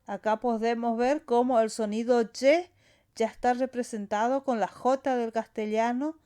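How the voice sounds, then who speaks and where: A woman's voice: fairly high pitch, fairly even intonation, unhurried, warm tone, smooth. A woman teaching a language lesson, saying sounds and words one at a time and stressing the final syllables. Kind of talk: slow explanatory lesson.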